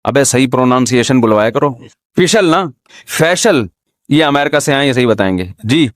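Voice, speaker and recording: An Islamic scholar gives an informal, humorous religious talk, often throwing rhetorical questions at his listeners. His voice sits at medium pitch, recorded at studio quality with no echo.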